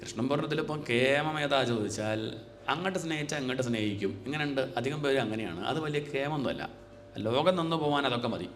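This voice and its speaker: A man's voice: mid-range voice, fairly bright tone, a little hiss or hum. Middle-aged man giving a devotional discourse. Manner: conversational, asks the audience rhetorical questions; chants verses in a slow sing-song. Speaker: spiritual teacher.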